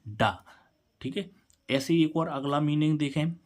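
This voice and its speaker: A man's voice: fairly high pitch, measured pace. A man teaching an English spelling lesson, asking a question and then answering it himself, and spelling words out letter by letter. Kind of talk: classroom-style spelling lesson.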